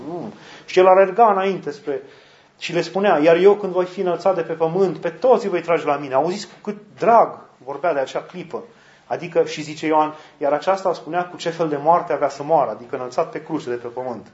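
Male preacher, earnest sermon delivery, slightly high voice, muffled roomy recording. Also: darkish tone. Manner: earnest, rhetorical questions to the listeners.

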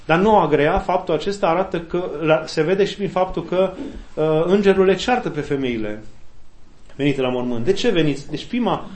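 A man delivers a sermon in a fairly high voice, measured and reflective, slipping into animated quoted speech. The sound carries a noticeable echo from the room around him. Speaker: preacher. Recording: echoey room.

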